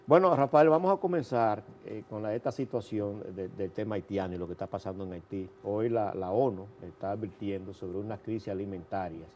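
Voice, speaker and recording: A man's voice: fairly low pitch, brisk, hardly any pauses, darkish tone, muffled recording, a little hiss or hum. A man with a Caribbean Spanish accent from the Dominican Republic hosts casually, often repeating words as he builds his phrases. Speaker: host. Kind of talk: casual show hosting.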